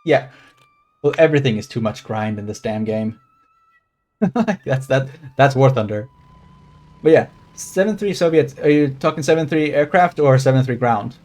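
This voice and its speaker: With soft background music, a Swedish man speaking in a general American accent streams a game live, his medium-pitched voice a little mellow at normal speed. He rambles casually, swears freely, and chats with his viewers while playing.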